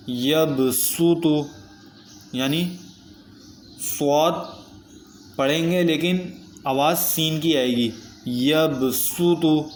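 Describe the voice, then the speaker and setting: A man gives a methodical recitation lesson, his speech flat and level as he restates each rule with patience. His voice sounds roomy and echoey, and a faint hiss sits behind it. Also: fairly high pitch. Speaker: Quran recitation teacher. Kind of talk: step-by-step tajweed lesson. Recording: echoey room with faint background noise.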